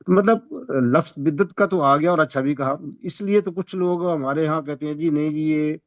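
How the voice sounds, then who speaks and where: A man in a mid-range voice politely works through a long, winding question for his teacher. The sound is dull and dry, lo-fi with no room echo. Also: a little high. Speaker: student asking a question.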